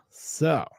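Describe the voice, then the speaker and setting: A man's voice: a little high, dark tone, dry recording, studio quality. A man of fifty hosting a casual livestream, rambling and self-deprecating, restarting his sentences often. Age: 50s. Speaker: livestream host.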